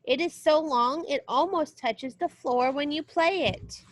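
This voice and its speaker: Reading a children's book aloud as a music teacher, a woman with a somewhat high voice explains things for young listeners at a measured pace. She alternates between the text and brief remarks of her own, making it a read-aloud lesson.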